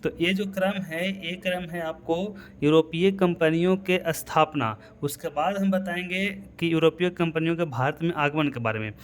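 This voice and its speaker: Higher-voiced male teacher. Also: normal speed, hardly any pauses. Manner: repeats "है ना" to check understanding, chuckles at his own tricks. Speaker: exam-prep teacher. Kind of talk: lecture.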